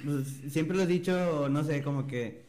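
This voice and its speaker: A man's voice: fairly high pitch, measured pace, a little mellow. A young man from Mexico, a guest in a casual interview, telling an anecdote and mimicking other people's voices. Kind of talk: casual storytelling.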